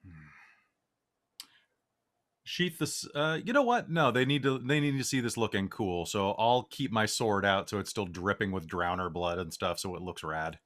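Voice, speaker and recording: A man's voice: lowish voice, a bit bright. A man playing a tabletop game in a casual, joking way. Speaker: player.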